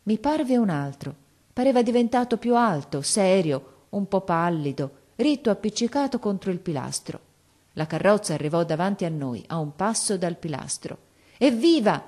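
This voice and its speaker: Woman with a lowish voice narrating a story. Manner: measured, expressive storytelling. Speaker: audiobook narrator. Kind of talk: scripted narration of a classic novel.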